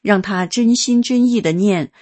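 Husky woman reading a personal testimony. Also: medium pitch, a little slow, a little mellow. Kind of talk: read-aloud first-person testimony.

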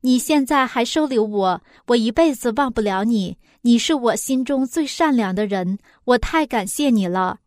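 A woman's voice: on the high side, expressive, moderate pace, hardly any pauses, darkish tone, no room sound, clean studio sound, close to an everyday voice. A woman reading the lines of a remorseful, grateful widowed neighbor in a story. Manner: pleading, grateful.

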